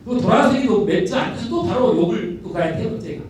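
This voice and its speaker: A middle-aged man, a school principal telling stories in a lecture, animated and repeating words for emphasis, recorded from a distant mic in a large lecture hall. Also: sits high, fast. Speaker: elementary school principal giving a talk. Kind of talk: storytelling lecture. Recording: echoey hall, distant mic, faint noise.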